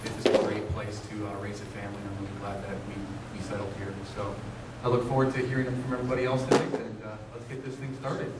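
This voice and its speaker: Low-voiced earnest man in his thirties. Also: little pitch movement, fast, few pauses. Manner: friendly, earnest, slightly informal. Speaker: school board candidate. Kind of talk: candidate introduction at a public forum. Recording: roomy, distant mic, clear ambient noise.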